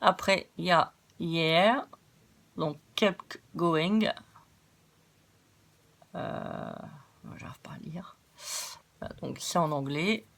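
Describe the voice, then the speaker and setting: A woman's voice: on the low side, drawn-out words, vocal fry, pauses often, fairly bright tone. A French woman chatting through a craft-supply haul, laughing often, joking about herself and thinking aloud with lots of fillers. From France. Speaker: craft vlogger. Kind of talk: casual haul chat.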